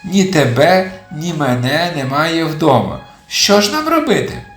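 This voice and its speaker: An eager, inventive little male puppy from a children's audio tale, as a storyteller puts him on. The voice sits raised and bouncy, with lively swings in pitch. It sounds roomy, with gentle music behind. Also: measured pace. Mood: playful.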